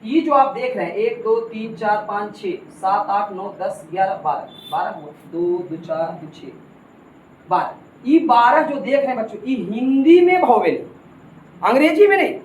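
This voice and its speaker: A man's voice: high voice, lively intonation, moderate pace. A man teaching a grammar lesson, emphatic and repetitive, constantly addressing his students as kids. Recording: echoey room with faint ambient noise.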